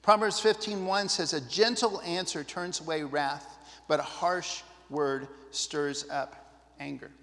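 A man preaches in a casual, earnest way, often turning to the congregation with asides. His voice sits high for a man. The sound carries the long reverb of a church hall. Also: measured pace, a bit bright. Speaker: pastor. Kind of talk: sermon.

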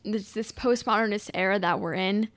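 A young woman hosting a solo commentary podcast, talking in an impassioned way with restarts and quick asides. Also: mid-range voice, fairly bright tone, dry recording. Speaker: podcast host.

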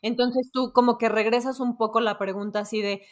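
A woman co-hosting a podcast, explaining parenting experiences in relaxed, thoughtful conversation. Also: fairly high pitch, fairly quick. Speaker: podcast co-host. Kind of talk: casual chat.

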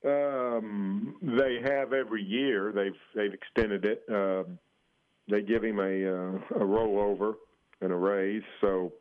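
An American man giving conversational sports analysis as a guest journalist, measured and matter-of-fact, with pauses. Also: fairly low pitch, steady tone. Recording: dull band-limited radio call-in sound.

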